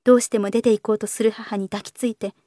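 A woman's voice: fairly high pitch, steady tone, a little fast, mellow, no echo, studio quality, natural voice. A woman voicing a well-bred young woman who pleads in polite, formal speech with a trembling voice. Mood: confiding.

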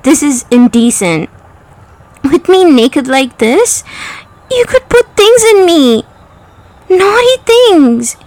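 A woman's voice: sits high, sing-song, slow, pauses often, darkish tone, dry recording, full character voice. A woman voicing a prim, flustered female autocorrect program in a comedic parody, talking in a melodramatic, coy and pleading way. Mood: coy protest.

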